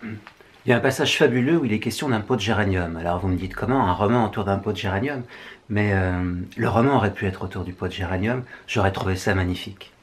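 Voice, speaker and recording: A man's voice: on the low side, quick pace. A French man, a writer, musing through a book review with wry asides. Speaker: writer presenting books.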